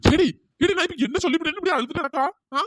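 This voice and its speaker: Voice actor doing a cartoon husband, pitch-shifted, exasperated, bickering, fast, dry sound. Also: no room sound. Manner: scolding, then fawning and pleading. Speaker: cartoon character. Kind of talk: comic cartoon dialogue.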